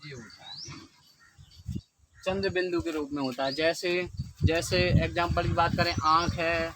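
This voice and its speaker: High-voiced male teacher, noisy recording. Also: fairly even intonation, measured pace. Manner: explains step by step, often quizzing the viewer. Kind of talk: exam-prep lesson.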